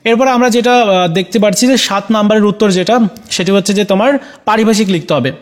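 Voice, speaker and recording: A man teaching, going through exam answers one by one, talking straight to his students, often pausing on fillers. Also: high-pitched. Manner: hesitant, many fillers; addresses students directly.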